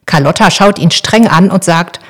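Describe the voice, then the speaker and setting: A woman narrating a children's audiobook in a calm, clear storytelling manner. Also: lowish voice, moderate pace.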